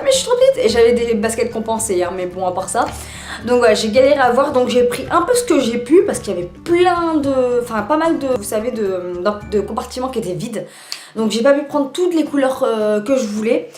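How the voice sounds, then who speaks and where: A chatty woman talks through her latest beauty purchases in a casual, rambling way. Her voice sits fairly high and rings in an echoey room, with faint music underneath. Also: darkish tone. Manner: chatty, many fillers and restarts. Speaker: beauty vlogger. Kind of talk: casual haul video.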